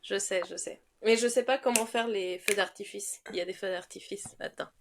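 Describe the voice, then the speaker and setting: Hoarse woman with a cold, chatting. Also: brisk, background noise. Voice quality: low, husky sick voice. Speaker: podcast co-host. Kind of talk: casual chat.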